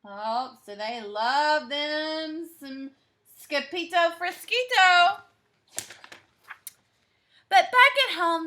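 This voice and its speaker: Woman teacher reading a storybook to kids; very high, bright, slow and lively. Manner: expressive, stops to explain and point things out. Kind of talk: picture book read-aloud.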